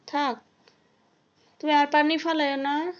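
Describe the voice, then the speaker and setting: A young mother chats with her toddler, switching between mock scolding and gentle coaxing. Her voice sits fairly high. The home recording is dull and lo-fi, as if captured on a phone. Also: little pitch movement, slow pace. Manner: playful, coaxing, sing-song questions to a toddler. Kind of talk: casual home video chat with a small child.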